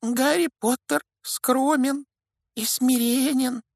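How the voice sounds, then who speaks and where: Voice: lively intonation, normal speed, gravelly, a bit bright, dry recording, studio quality, full character voice. Dobby the house-elf, male, screechy and near tears. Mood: pleading, humble. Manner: squeaky, wailing, refers to himself by name. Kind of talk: audiobook character voice.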